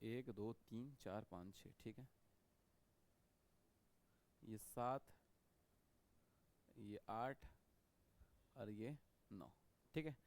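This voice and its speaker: A man gives a classroom-style biology lecture, repeating key points and checking with frequent "okay"s that students are following. His voice is on the low side, with drawn-out words and long pauses.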